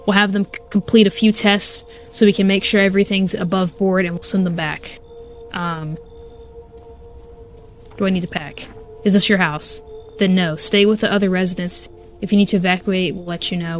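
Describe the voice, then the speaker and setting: A woman voicing a calm, businesslike government agent, speaking flat and quiet. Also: fairly low pitch, natural voice.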